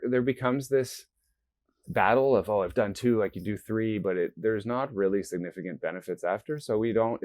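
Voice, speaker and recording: A man's voice: on the low side, a little mellow, no room sound. A man being interviewed as a company founder, explaining earnestly and acting out the thoughts of nervous people. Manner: earnest, explanatory, acts out quoted self-talk. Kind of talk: interview conversation.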